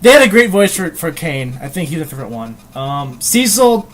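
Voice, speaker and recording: A man's voice: fairly high pitch, sing-song, moderate pace, fairly bright tone. A man reviewing a video game in casual chat, rambling with many hesitations and casual swearing.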